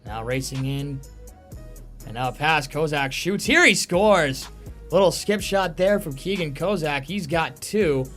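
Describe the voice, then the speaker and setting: A man calling live lacrosse play-by-play as a commentator, given to excited shouted goal calls. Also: fairly high pitch, unhurried, soft background music.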